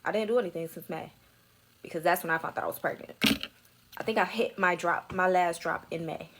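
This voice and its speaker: A young woman telling a personal story in a candid, emotional way, full of swearing, sometimes dropping to a soft near-whisper. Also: fairly low pitch, a little fast, very noisy.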